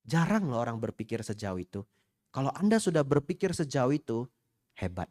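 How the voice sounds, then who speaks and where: A man's voice: medium pitch, big pitch swings, brisk, a little mellow. A middle-aged man, a Buddhist monk, giving a humorous Dhamma talk to a congregation, asking them questions and mixing in Hokkien phrases. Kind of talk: sermon. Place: temple hall before a congregation.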